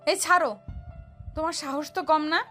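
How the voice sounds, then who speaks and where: A woman voicing a hot-tempered, sharp-tongued young bride who scolds in a shrill voice. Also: normal speed, faint music behind. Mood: defiant.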